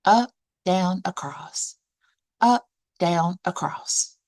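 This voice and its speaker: A librarian with a fairly low voice reads a children's storybook aloud. She is deliberate and expressive, lingering on the action words.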